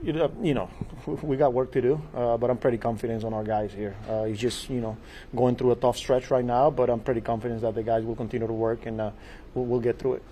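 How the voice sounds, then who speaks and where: A man in his forties answers reporters at a postgame press conference, his tone mellow and his delivery flat. He talks in a measured, halting way and repeats his words as he thinks. A faint room hum sits under the table mic. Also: mid-range voice, low-quality recording. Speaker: baseball manager. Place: small press room before a sponsor backdrop. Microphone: table mic in front of him.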